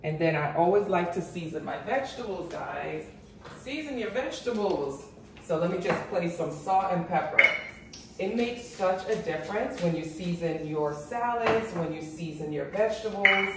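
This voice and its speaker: A cooking and gardening vlogger with a lowish voice chats to viewers she calls "guys," using lively intonation at a moderate pace. She talks about her patio garden and kitchen, starting outside on a high-rise patio before heading into her home kitchen. The mic sits at a distance, so the recording is noisy and echoey.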